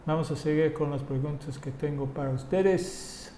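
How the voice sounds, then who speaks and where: A man's voice: a little high, moderate pace, mellow, echoey room, a little hiss or hum. A man whose first language is English, teaching an online English lesson in Spanish and repeating example phrases to show rising and falling intonation.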